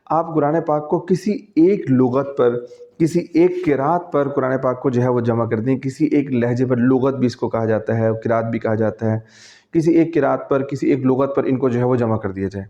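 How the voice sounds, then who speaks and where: A man's voice: mid-range voice, warm tone. A male teacher with a Pakistani accent gives a conversational, classroom-style lecture, explaining patiently and often checking that students follow. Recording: dull lo-fi recording.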